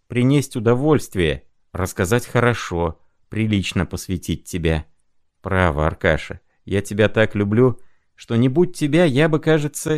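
A man voicing a tender, excitable young clerk. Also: fairly low pitch, no room sound, clean studio sound.

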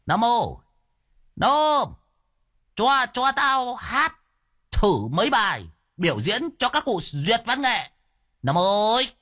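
A man's voice: very animated, unhurried, fairly bright tone, breathy edge, heavily acted. A man voicing a mischievous old village man, teasing and cackling in a raised voice. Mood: playful. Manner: cackling, teasing, high-pitched.

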